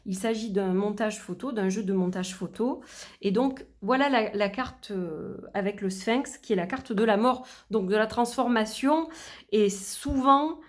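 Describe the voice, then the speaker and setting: A woman's voice: mid-range voice, a little slow. A middle-aged woman vlogging in a casual, chatty way, with many fillers and restarts, her voice a little worn. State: losing her voice. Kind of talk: casual chat.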